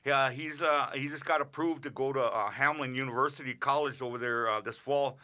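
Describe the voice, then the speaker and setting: A middle-aged man on a radio show, rambling casually through birthday shout-outs with lots of filler sounds. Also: medium pitch, fairly quick. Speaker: regular radio segment host. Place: radio studio.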